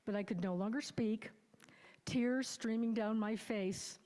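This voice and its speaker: Mellow woman telling her story in a reverberant hall. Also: a little high, unhurried. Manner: candid, reflective, wry. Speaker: congregation member sharing a recovery story. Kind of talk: personal testimony in a sermon. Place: church sanctuary.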